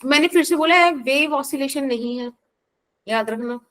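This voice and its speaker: A woman's voice: sits high, normal speed, a bit bright. An Indian woman teaching a physics class, explaining patiently and checking in with students by name. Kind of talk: live online class.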